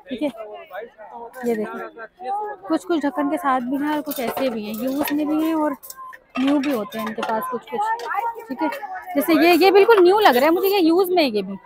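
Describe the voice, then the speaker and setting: A Pakistani woman with a Pakistani Urdu accent and a high voice films a casual walk-through shopping vlog on her phone, chatting as she asks stall prices. She's in a crowded outdoor street market, with busy crowd noise behind her.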